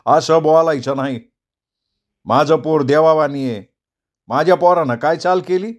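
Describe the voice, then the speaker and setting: A man's voice: fairly high pitch, a little slow, pitched above the performer's own voice, close to an everyday voice. A male storyteller voicing an angry, defensive village father who talks in a raised rustic voice. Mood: indignant. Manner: indignant, raised voice.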